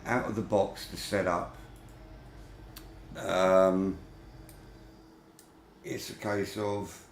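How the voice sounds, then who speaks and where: A man with a heavily gravelly, fry-filled voice gives unhurried, grumbling running commentary while gaming. He talks in a lowish register and swears mildly now and then. The room around him rings with noticeable echo. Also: a little hiss or hum. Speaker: vlogger.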